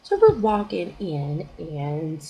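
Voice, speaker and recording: Young woman vlogger, casual storytime delivery, chatty and rambling, lively up-and-down pitch. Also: slow pace, slight background noise, rough recording. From United States. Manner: chatty, rambling, constant "like" fillers.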